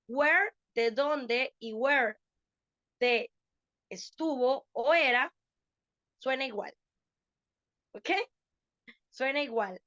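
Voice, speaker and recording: High-voiced woman English teacher, slow and patient, on a dull, dry video call. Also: a bit bright, no room sound. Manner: patient, explains slowly with repeated checks. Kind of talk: online English class for adults.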